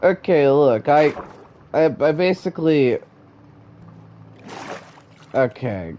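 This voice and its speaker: A sick man live-streams a block-building game, chatting casually with his viewers in a slightly high, animated voice at a slow pace. He stammers and repeats words often, and the lo-fi audio carries some hiss or hum.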